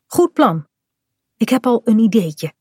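A woman's voice: on the high side, a little slow, husky, no room sound, studio quality, exaggerated voice. A woman reading a storybook aloud, voicing a playful, bossy young girl who plays a pirate captain. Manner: lively, bossy play-acting.

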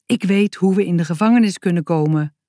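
A woman's voice: fairly low pitch, brisk, warm tone, no room sound, clean studio sound, lightly acted. A woman voicing an earnest, inventive young boy who explains his plans in a storybook reading.

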